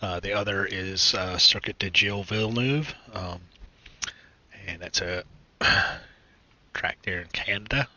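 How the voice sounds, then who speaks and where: A man from the United States hosting his own gaming channel, chatting casually and rambling with many fillers, restarts and throat clearing. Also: low voice, takes it slowly, pauses often, pushed and bright, poor audio. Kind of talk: casual gaming news chat.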